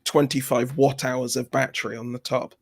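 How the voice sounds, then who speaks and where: A man's voice: mid-range voice, level tone, normal speed, vocal fry. A man co-hosting a casual tech chat, chiming in with dry, teasing quips. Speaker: podcast co-host.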